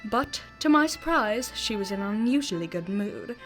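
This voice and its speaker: A woman's voice: mid-range voice, expressive, normal speed, fairly bright tone, faint music behind, rough recording. A woman playing Doctor Watson, a cheery, curious detective's companion, in an amateur radio drama with polite, old-fashioned, exclamatory speech. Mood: reflective narration.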